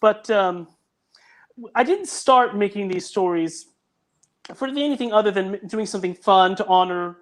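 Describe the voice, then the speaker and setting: His voice sits high and moves at a normal speed. A writer of audio dramas, he's the guest on a relaxed video chat, explaining his story while thinking it through aloud.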